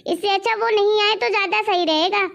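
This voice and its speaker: Brief: woman doing a demanding daughter-in-law, high voice, bossy and defiant. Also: fairly even intonation, a little fast, gravelly, fairly bright tone, heavily acted. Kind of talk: family drama acting.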